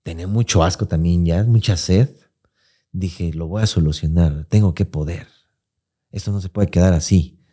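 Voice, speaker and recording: A man's voice: low-pitched, moderate pace, mellow, slightly rough. A young man with a Mexican accent telling a personal story in casual podcast chat, full of swearing and slang fillers. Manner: profane, slangy storytelling with many filler words. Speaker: podcast host.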